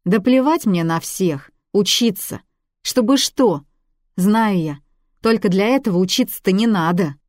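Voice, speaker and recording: A woman reading aloud, voicing a stubborn, defensive runaway teenage girl who argues in loud, indignant bursts. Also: medium pitch, lively intonation, normal speed, dry recording, studio quality, pitched above the performer's own voice, close to an everyday voice.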